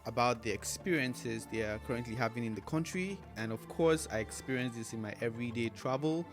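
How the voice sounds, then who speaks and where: A man's voice: mid-range voice, brisk, music in the background. A man, a travel vlogger earnestly telling his own experience in a casual, conversational way. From Nigeria. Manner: earnest, conversational, fond of "like" and "you know". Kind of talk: casual personal storytelling to camera.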